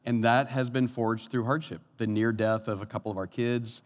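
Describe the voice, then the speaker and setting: A man in his fifties preaching a sermon, animated, his voice swinging from soft and low to loud and high. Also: normal speed. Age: 50s. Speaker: pastor. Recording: long hall reverb.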